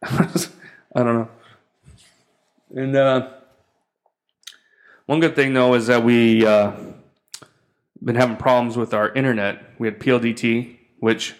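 A man, the show's host, tells a rambling and profane story in a casual, exasperated rant. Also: medium pitch.

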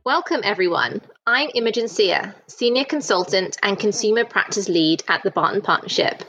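A woman's voice: medium pitch, animated, moderate pace, a bit bright, faint music behind. A woman hosting a podcast and reading a polished, prepared introduction. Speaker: podcast host. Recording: dry muffled audio.

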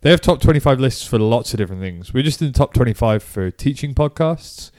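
A man's voice: mid-range voice, animated, fairly quick, a little mellow, dry recording. A man co-hosting a casual podcast who drops in dry jokes and reactions while his partner tells stories. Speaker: podcast co-host. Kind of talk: casual chat.

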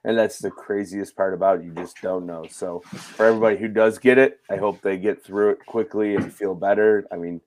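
Male podcast host, hoarse and raspy, voice giving out, lower pitch, casual chat, dry sound. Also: fairly even intonation, brisk, a little mellow, dry recording. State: hoarse, voice cutting in and out from losing it. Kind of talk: casual live fishing show chat.

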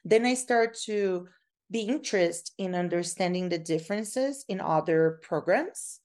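A woman's voice: on the low side, measured pace, darkish tone. A woman from Brazil with a Brazilian Portuguese accent, a native Portuguese speaker, answering interview questions as a researcher in an earnest, explanatory way. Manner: earnest and explanatory, repeats and restarts words. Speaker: guest researcher.

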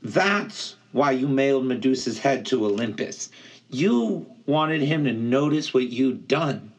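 A man voicing a gentle, earnest young male satyr in an audiobook, speaking softly in a raised voice. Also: lively intonation, a little slow, breathy edge. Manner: soft, coaxing, higher voice.

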